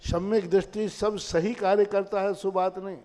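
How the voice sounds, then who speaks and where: Preaching monk in a reverberant hall. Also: male voice, high-pitched, little pitch movement, moderate pace, mellow. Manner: storytelling, rhetorical questions, voices his own mind in dialogue. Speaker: Jain monk giving a discourse. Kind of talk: sermon.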